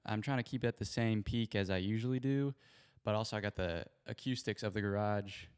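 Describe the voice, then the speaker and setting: A man's voice: fairly low pitch, a little fast, clean tone. A man hosting a sports show in casual livestream chat, rambling and apologetic, speaking into a handheld mic in an echoey home garage. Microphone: spare handheld mic.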